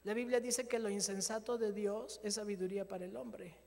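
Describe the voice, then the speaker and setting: Male pastor, higher voice, animated storytelling sermon, echoey church hall. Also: fairly quick, creaky. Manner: animated storytelling, acting out dialogue.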